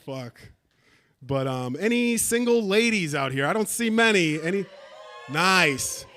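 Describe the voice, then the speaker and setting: A man with a high-pitched, expressive voice and a sharp tone speaks unhurriedly, with slight background noise. He's a stand-up comedian doing a crude set on a theater stage, teasing and bantering with the audience as crowd work.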